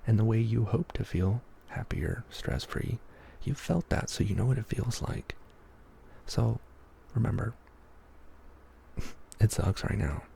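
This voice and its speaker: A man giving a soft, half-whispered ASMR pep talk in a breathy, gravelly voice, rambling along with gentle encouragement. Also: fairly low pitch, slow pace, a little hiss or hum. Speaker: ASMR YouTuber.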